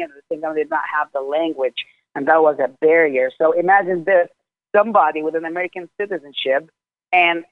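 A man's voice: on the high side, no room sound. A man in his twenties from Jordan, a guest in a casual interview, telling his story candidly and emphatically, with frequent swearing. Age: 20s. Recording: tinny phone line.

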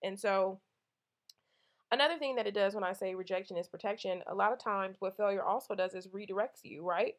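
A woman's voice: mid-range voice, fairly quick. Female podcast host, motivational monologue, candid storyteller with casual fillers. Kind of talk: motivational talk.

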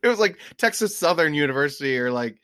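A man's voice: fairly high pitch, lively intonation, quick pace, a bit bright, dry recording, studio quality. A man co-hosting a podcast, telling rambling travel stories in casual chat and laughing at his own anecdotes. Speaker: podcast co-host.

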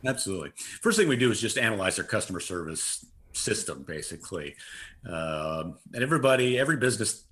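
A man's voice: fairly low pitch, very animated, fast talker, a bit bright. A middle-aged man answering interview questions as a guest, earnest and emphatic, repeating his key phrases. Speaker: interview guest, customer service consultant.

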